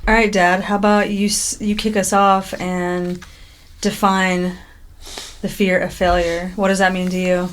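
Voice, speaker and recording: A woman's voice: medium pitch, little pitch movement, measured pace, slight background noise. A young woman co-hosting a casual podcast, easygoing and steering the talk with questions. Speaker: co-host.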